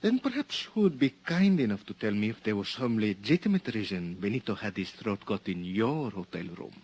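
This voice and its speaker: Suave Latin police lieutenant. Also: male voice, fairly low pitch, sing-song, darkish tone, breathy edge. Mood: coolly suspicious. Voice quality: formal, measured, silkily menacing. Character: shrewd, polite Mexican police lieutenant, middle-aged man. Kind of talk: 1950s radio drama acting.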